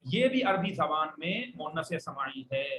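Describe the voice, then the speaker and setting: A man's voice: a little high, sing-song, unhurried, fairly bright tone. A man from Pakistan teaching Arabic words to a classroom, saying each word and having the students repeat it back. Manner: call-and-response, repeats words for students to echo. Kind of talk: classroom vocabulary drill. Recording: echoey classroom with faint noise.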